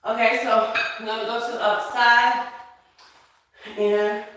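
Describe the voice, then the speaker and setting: A woman's voice: on the high side, level tone, a little slow, fairly bright tone. A middle-aged woman leading a casual home workout while exercising, counting reps aloud and coaching informally with effort in her voice. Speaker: workout host. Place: echoey room at home. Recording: very echoey room, distant mic.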